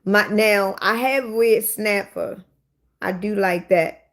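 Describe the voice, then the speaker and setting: A woman in her forties hosts a casual livestream, chatting with viewers and talking back to commenters bluntly and with profanity. She speaks slowly in a mid-range voice.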